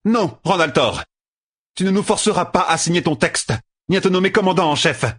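A man voicing a defiant young woman leader in an audiobook, his husky voice pitched far up and scolding. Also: brisk, fairly bright tone.

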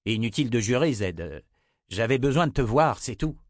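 A man's voice: mid-range voice, animated, moderate pace, no room sound, studio quality, lightly acted. Male narrator doing a patient young man, level and plain, audiobook. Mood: calm. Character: calm young man, wizard's grandson.

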